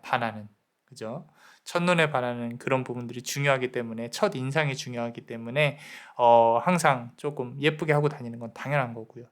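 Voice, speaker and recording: A man giving a tarot reading, gently counseling the listener about love and self-worth and briefly acting out people's inner thoughts. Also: medium pitch. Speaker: tarot reader. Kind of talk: tarot reading advice to viewers.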